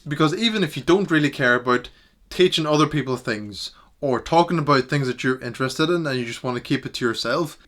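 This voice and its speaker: Young man, mid-pitched, steady earnest to-camera vlogger. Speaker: self-improvement YouTuber. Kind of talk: reflective talking-head vlog.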